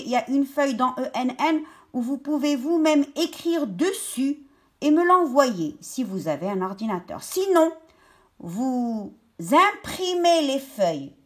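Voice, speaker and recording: A woman teacher talking young pupils through a worksheet step by step, stretching out each word slowly. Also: high voice, animated, fairly bright tone. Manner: slow, step-by-step, drawn-out words for young pupils. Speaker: primary school teacher. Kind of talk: remote lesson explaining a worksheet.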